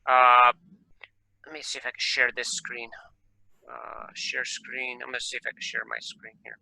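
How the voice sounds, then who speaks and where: A man's voice: mid-range voice, little pitch movement, moderate pace, gravelly, bright, forceful tone, dry recording, poor audio. A man teaching an electronics class over a video call, talking casually and thinking aloud as he works the screen share. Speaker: electronics instructor. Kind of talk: live online class lecture.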